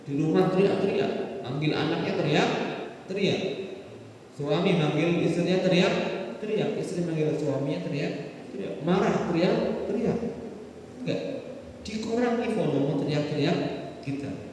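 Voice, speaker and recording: A man's voice: a little high, unhurried, long pauses, a little mellow, slight background noise. A man with a Javanese accent preaching a mosque sermon in a conversational way, often asking the audience questions. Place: mosque hall. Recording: echoey hall from far off.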